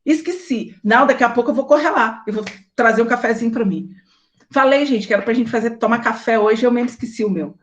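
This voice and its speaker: Animated Brazilian woman host. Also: on the high side, fast. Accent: Brazilian Portuguese. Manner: animated storytelling, acting out quoted dialogue; married woman recounting daily life. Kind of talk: casual talk to an audience.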